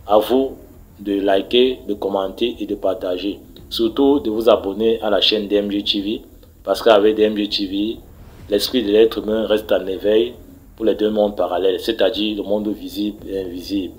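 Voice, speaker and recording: Slight hiss or hum and poor audio accompany a lowish, steady male voice at a moderate pace. The speaker, a Cameroonian story contributor, records a message recounting a mystical tale, preachily stumbling and repeating words as he calls on listeners to pray.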